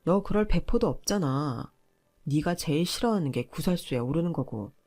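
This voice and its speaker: A woman's voice: low voice, lively intonation, normal speed, a little mellow. A woman voicing an arrogant young husband who lectures his wife with contempt. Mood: contemptuous.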